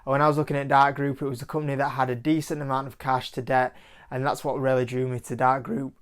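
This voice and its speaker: Fast, smooth, and level, his mid-range voice carries a Yorkshire accent; he's from Yorkshire, England. On his own investing channel he chats loosely to camera about stock picks, relying heavily on "like" and "kind of."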